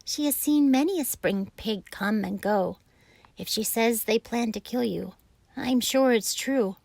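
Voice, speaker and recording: A woman voicing a wise, kindly female spider with a sweet, measured and brisk way of speaking, a bit higher than her own voice. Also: vocal fry, a little mellow, dry recording. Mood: firm. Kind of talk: storybook reading.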